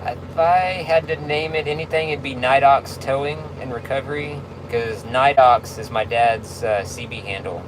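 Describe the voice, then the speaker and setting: A man in casual livestream chat, answering viewer questions in a laid-back, halting, conversational way. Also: medium pitch. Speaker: tow truck driver livestreaming. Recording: clear vehicle and road noise.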